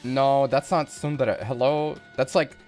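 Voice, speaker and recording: A man's voice: mid-range voice, fairly even intonation, a little slow, a little mellow, faint music behind. A man streaming live, chatting casually and playfully with viewers in a rambling way.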